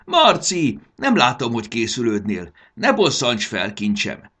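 A man voicing a fussy, affectionate old grandmother who calls out loudly in a storybook reading. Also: on the low side, very animated, husky, full character voice. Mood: scolding. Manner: scolding yet affectionate, loud calls. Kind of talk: audiobook character voice.

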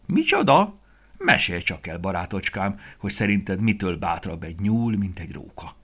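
A man's voice: sits low, very animated, fairly bright tone, husky, exaggerated voice. A man voicing a sly, clever male fox in a children's story, speaking in a mocking way.

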